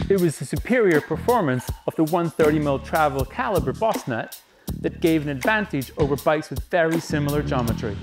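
A man, a magazine reviewer presenting a bike and interviewing in a confident, chatty way. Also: fairly high pitch. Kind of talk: presenter narration and casual interview. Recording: narration over background music.

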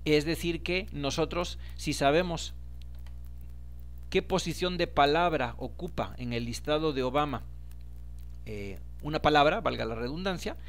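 A man's voice: a little high, measured pace, a bit bright. A man, explaining a data analysis tutorial step by step and speaking directly to his viewers. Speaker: instructor. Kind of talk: screen-recorded tutorial.

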